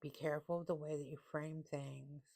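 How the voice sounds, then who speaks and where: A woman with a low voice talks through a casual tarot reading. She reads card text slowly and deliberately. She repeats her points for emphasis. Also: level tone, creaky, mellow. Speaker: tarot reader.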